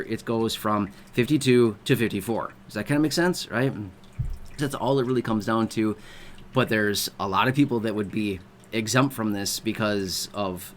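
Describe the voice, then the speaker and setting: There's slight background noise as a man with a medium-pitched voice hosts an online video. He explains benefits casually, often pausing to check in with whoever is listening.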